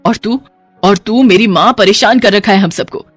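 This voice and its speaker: A woman's voice: mid-range voice, normal speed, husky, no echo, soft background music, lightly acted. A woman voicing an exasperated middle-aged mother-in-law who scolds and frets.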